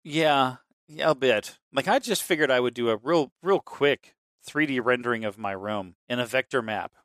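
A man's voice: mid-range voice, normal speed, no room sound. A man co-hosting a casual movie chat, rambling and swearing as he tells scenes. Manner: rambling, profane, animated storytelling. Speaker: podcast co-host.

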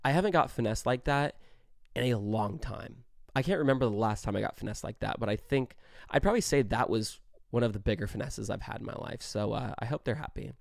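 A man's voice: mid-range voice, fairly quick, vocal fry, no room sound, clean studio sound. A young man vlogging a casual storytime monologue, heated and profane as he recounts what happened. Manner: heated, profane, animated retelling.

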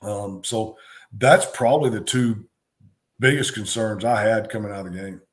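A middle-aged former football coach co-hosts a sports talk show in a fairly low voice, speaking haltingly with lots of ums and restarts.

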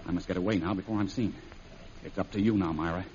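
An actor playing a commanding jungle adventurer in hiding, urgent, in 1940s radio serial style. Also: male voice, low-pitched, steady tone, quick pace, darkish tone, natural voice. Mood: resolute. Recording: muffled, noisy old radio recording.

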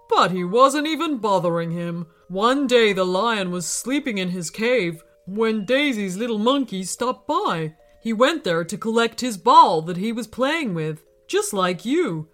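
A big jungle animal from a children's story, voiced by a woman narrator, speaking slowly and deliberately. The pitch still moves expressively, and gentle music plays behind. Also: animated, natural voice. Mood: calm, wise. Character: big wise gorilla, later a vain lion.

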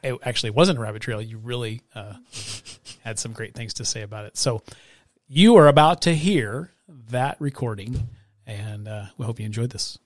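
A man co-hosting a podcast who steers the casual conversation and gently teases his co-host. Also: mid-range voice, expressive, normal speed, dry recording, clean studio sound. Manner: teasing, leads the conversation. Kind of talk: casual chat.

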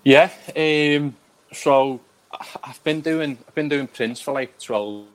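A man's voice: a little high, slow, low-quality recording. A man speaking as a podcast guest, explaining things in an informal, unassuming way. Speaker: podcast guest, print designer. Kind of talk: casual chat.

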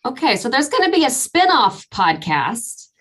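A woman's voice: high-pitched, big pitch swings, moderate pace, a bit bright, breathy edge. A woman from Northern California hosting a podcast in an upbeat, chatty way and laughing easily. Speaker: podcast host. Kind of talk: casual chat.

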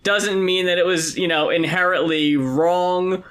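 A man's voice: high-pitched, fairly even intonation, unhurried, fairly bright tone. A man co-hosting an album review podcast in casual chat, easygoing, laughing and swearing casually.

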